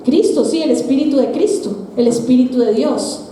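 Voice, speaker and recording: A woman's voice: high-pitched, normal speed, dark tone. A middle-aged woman pastor preaching a conversational sermon in church, asking the congregation questions as she goes. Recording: echoey church hall with long reverb.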